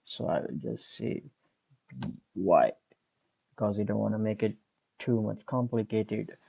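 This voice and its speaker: Here the muffled recording captures a fairly low, gravelly, warm male voice. He's in his twenties and hosts a screen-recorded programming tutorial, calmly walking through the code one step at a time while typing.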